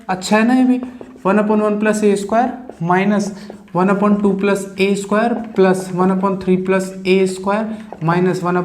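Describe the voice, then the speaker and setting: A man with a high voice walks through a math lecture in an easy, chatty way. He asks a question and answers it himself, thinking out loud as he writes. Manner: talks while writing, asks and answers his own questions. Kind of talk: conversational Hindi-English math lecture.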